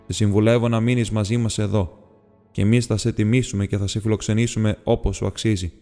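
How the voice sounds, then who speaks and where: A man's voice: fairly low pitch, level tone, dark tone, lightly acted. A man reading a stately, wise old elf king. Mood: dignified. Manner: solemn, dignified. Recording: long reverb with faint music.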